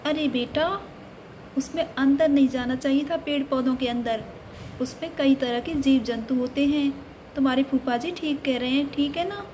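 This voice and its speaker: Motherly doll mom, woman voicing, gently lecturing, noisy recording. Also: high-pitched, fairly even intonation, normal speed, lightly acted. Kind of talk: doll play storytelling.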